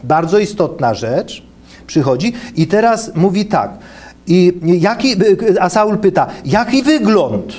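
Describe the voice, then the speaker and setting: A man's voice: high voice, lively intonation, darkish tone. A man, a pastor, answering questions after a lecture and reading scripture aloud in an earnest, explanatory way, with fillers and self-corrections. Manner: earnest, explanatory, pauses to stress key points.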